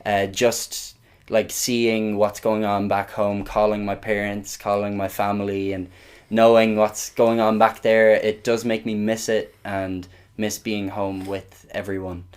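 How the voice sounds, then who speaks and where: Smooth low-voiced young west of Ireland man. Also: level tone, measured pace, few pauses. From Galway, west of Ireland. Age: young adult. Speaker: interview guest, exchange student. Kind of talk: casual podcast conversation.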